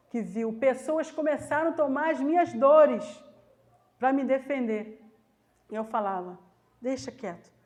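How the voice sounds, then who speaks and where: A Brazilian Portuguese woman preaches a Sunday sermon in a high voice. She tells her stories with emphasis and acts out the people she quotes. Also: a little mellow. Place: church.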